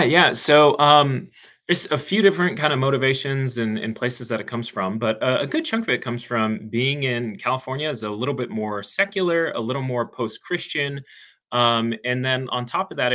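Bright-voiced man explaining earnestly. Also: mid-range voice, normal speed. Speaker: pastor and author, guest. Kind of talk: podcast interview answers.

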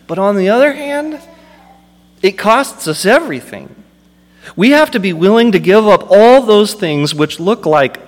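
Impassioned preaching man, hall reverb. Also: sits high. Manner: impassioned preaching with rising emphatic peaks. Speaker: pastor. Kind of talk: sermon.

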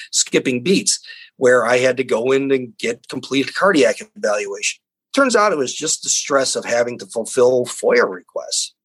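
A man's voice: medium pitch, breathy edge, low-quality recording. Earnest man explaining plainly. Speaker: university scientist guest. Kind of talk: conversational interview.

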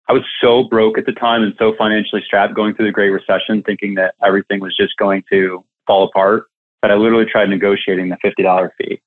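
A man who coaches staffing businesses, telling a candid, reflective story in an interview. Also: fairly low pitch. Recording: tinny phone-like line.

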